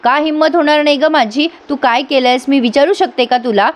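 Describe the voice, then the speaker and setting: A woman reading the lines of a quick-tempered young woman in a TV serial recap, scolding and arguing. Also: high-pitched, natural voice. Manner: scolding, argumentative. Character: young woman, sharp-tongued, quick to anger.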